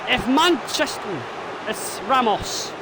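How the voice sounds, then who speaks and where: A man streaming a football video game live, calling the action like a commentator and shouting at the big moments. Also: extremely high pitch, lively intonation, takes it slowly, background noise. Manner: mimics a football commentator and a team manager.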